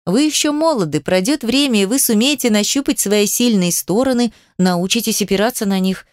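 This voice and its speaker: A woman's voice: medium pitch, fairly quick, dry recording, studio quality, lightly acted. A woman voicing a patient male mage teacher. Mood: instructive.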